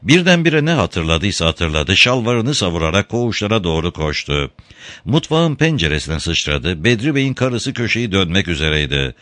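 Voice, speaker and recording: A man narrating a story aloud in an expressive storytelling manner. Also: low-pitched, normal speed, no echo. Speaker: reader.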